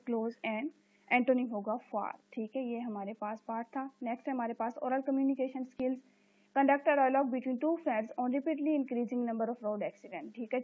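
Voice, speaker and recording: A female teacher gives a recorded lecture, reading English sentences slowly and explaining them in Urdu with a frequent "okay". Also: fairly high pitch. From Pakistan. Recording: tinny phone-like audio.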